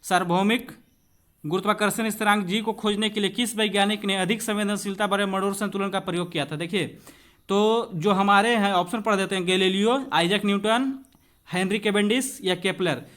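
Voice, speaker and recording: Brisk and fairly bright, with fairly even intonation, a high-voiced male physics teacher guides students through exam questions one step at a time. Conversational in tone, he asks rhetorical questions and mixes English technical vocabulary into his Hindi explanations.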